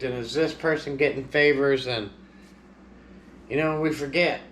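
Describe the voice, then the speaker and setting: A man's voice: mid-range voice, fairly bright tone, slight background noise. A man hosting a card collecting vlog, talking in an earnest, reflective way. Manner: earnest, reflective, nostalgic musing. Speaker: sports card collecting channel host. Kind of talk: casual vlog monologue. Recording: echoey room.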